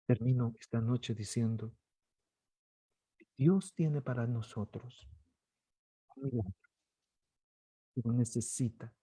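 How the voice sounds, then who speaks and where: A male pastor with a Guatemalan accent preaching an impassioned sermon, swinging between soft pleading and loud cries. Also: mid-range voice, breathy edge, dry recording. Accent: Guatemalan Spanish. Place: church service streamed online.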